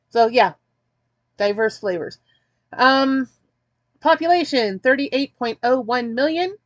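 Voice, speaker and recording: A woman's voice: high-pitched, lively intonation, slow, pauses often, dry recording, highs cut off. A woman hosting a casual snack-box unboxing, chatty and wry, reading the packaging aloud. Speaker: host reviewing a snack box.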